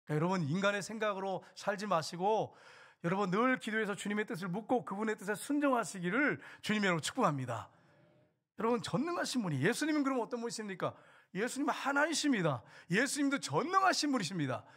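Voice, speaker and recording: A middle-aged male pastor preaching a sermon, asking the congregation questions and swinging between loud and hushed. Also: high voice, sing-song, fast. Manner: preaching with rhetorical questions and acted quotes, voice rising and dropping.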